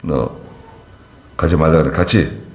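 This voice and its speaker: A man acting out a stern older male pastor who shouts a rebuke, firing off demanding questions in a raised voice. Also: a bass voice, measured pace, voice pushed down. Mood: scolding. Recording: echoey church hall.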